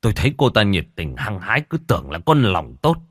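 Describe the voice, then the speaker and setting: An indignant older uncle snaps with lively rises and falls, as a male narrator acts him out. It is a storybook reading in a dry, close voice. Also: lowish voice, fast talker, husky, no echo. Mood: angry.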